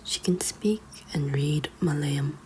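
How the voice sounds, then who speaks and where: A woman reads a children's book aloud as ASMR in a hushed, librarian-like whisper. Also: sits low, unhurried, a little hiss or hum. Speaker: ASMR reader.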